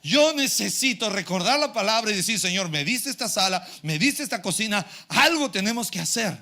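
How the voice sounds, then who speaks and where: A middle-aged man preaching a sermon as pastor in a church, animated and acting out his congregation's complaints. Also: sits high, a little fast.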